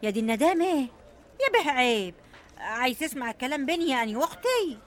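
Radio drama role: anxious rural Egyptian villager, high voice, deferential, pleading, prone to lament. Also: female voice, sing-song, fast talker. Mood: nervous pleading. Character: anxious, deferential village woman reporting to police.

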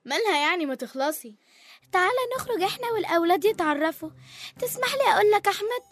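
A woman's voice: very high voice, expressive, racing. A woman with an Egyptian accent playing a sensible, outspoken young daughter in a radio serial, direct in manner. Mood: curious, reproving. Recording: faint music behind the voice.

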